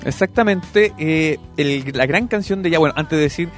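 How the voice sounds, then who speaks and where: A man's voice: a little high, normal speed. A young man with a Chilean accent, hosting a casual radio chat about music, talking with many fillers and restarts. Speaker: radio show host. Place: radio studio.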